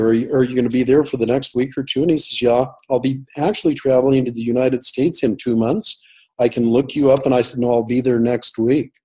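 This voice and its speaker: A man's voice: mid-range voice, mellow, husky, rough recording. A man telling a long personal story as an interview guest over a call, rambling with many fillers and restarts. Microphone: call audio.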